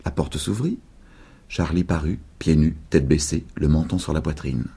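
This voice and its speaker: Deep gravelly male storyteller. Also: normal speed, dark tone. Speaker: narrator. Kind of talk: radio story reading.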